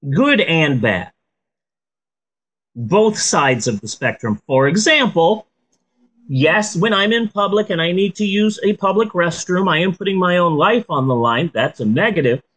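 A woman chatting casually as a comedic podcast host in a stoned, rambling drawl, swearing freely and joking deadpan. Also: fairly low pitch, a little slow, husky.

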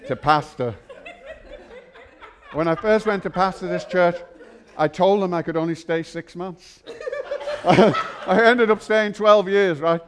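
A man's voice: high voice, noisy background. A man preaching in an exuberant, erratic charismatic style, with joking asides. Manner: exuberant, erratic, interjecting nonsense exclamations and chuckling; swings from quiet speech to shouting. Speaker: guest preacher, pastor.

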